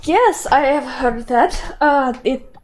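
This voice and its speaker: A woman voicing a proud, formal young male craftsman who speaks with measured hesitation. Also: high-pitched, animated, over music. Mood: reserved.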